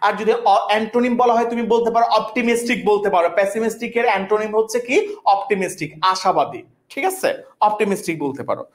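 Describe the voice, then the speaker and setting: A woman's voice: mid-range voice, quick pace. A woman teaching a vocabulary class, repeating each word and often checking that students understand. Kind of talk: online class lesson.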